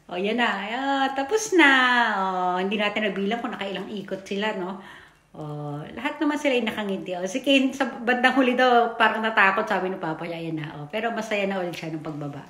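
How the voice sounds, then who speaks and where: A chatty woman talks over her family video, keeping the tone casual and loose. She sits at a mid pitch, and her voice rings a little in a roomy space. She trips over her words now and then and keeps tossing in little tag questions. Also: animated, normal speed, a bit bright. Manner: chatty, tags lines with "o, di ba?"; stumbles over words and admits it. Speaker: family vlogger and mother.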